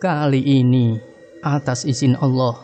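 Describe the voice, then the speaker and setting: A man voicing an angry old male village mystic with a raised, strained shout in a horror story. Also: mid-range voice, fairly even intonation, measured pace, muffled recording, soft background music, natural voice. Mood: furious.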